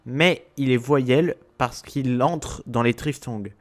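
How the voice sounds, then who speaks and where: A man's voice: mid-range voice, slow pace. A man giving a scripted, methodical grammar lesson, laying out rules step by step. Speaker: Spanish grammar teacher. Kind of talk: scripted explainer narration.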